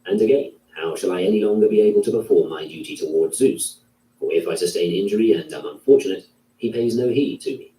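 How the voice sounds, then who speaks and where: A man reading a classic philosophy text aloud in a measured, solemn manner. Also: deep voice, dark tone, slight background noise. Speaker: narrator. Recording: roomy, distant from the mic.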